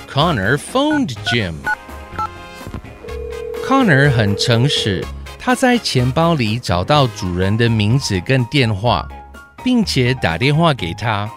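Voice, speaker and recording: A man presenting scripted bilingual news stories for young learners, with simple, careful, expressive phrasing. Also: mid-range voice. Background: background music.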